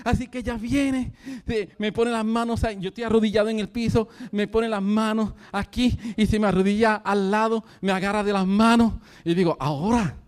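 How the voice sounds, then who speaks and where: A man's voice: high voice, level tone, brisk, hardly any pauses, smooth. A man preaching a sermon, telling a story with fervent energy and breaking into laughter. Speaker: pastor.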